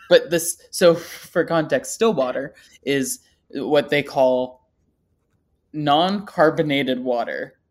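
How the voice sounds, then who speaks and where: A podcast co-host chats casually, rambling through a story and making jokes at their own expense. Their voice sits at a medium pitch, and they talk slowly with frequent pauses.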